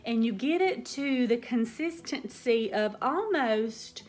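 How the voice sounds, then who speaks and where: A woman from the American South talks unhurriedly to her viewers, her soft drawl stretching the words out. Her voice sits a little on the high side, and she talks like she is telling a story at the kitchen table. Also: expressive. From Southern United States. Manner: gentle, slow, warm storytelling drawl. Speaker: cooking channel host. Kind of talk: casual chat to viewers.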